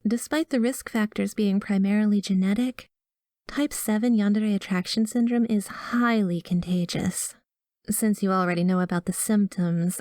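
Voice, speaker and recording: A woman with a mid-range, darkish voice, recorded on a close studio mic with studio quality and no room sound, lightly acts an ASMR roleplay addressed to the listener. She plays a chirpy, awkward female doctor who is secretly an obsessive yandere stalker, breezy, cutesy and coaxing as she blithely delivers grim news.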